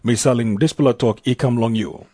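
Husky, mellow Papua New Guinean man reading. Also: medium pitch, a little fast, dry recording, studio quality. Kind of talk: scripted scripture reading.

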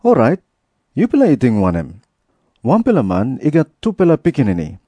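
A man's voice: medium pitch, huge pitch swings, a little fast, dark tone, breathy edge, dry recording. A man with a Papua New Guinean accent playing an authoritative teacher in an audio Bible drama. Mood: firm, challenging. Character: Jesus, an authoritative male teacher and preacher.

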